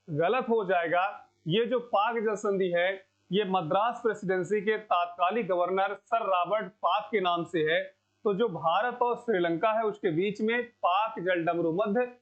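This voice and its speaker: A man teaching an exam-prep lecture, repeating key answers and quizzing the class. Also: high voice. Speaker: coaching teacher. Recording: dull lo-fi sound.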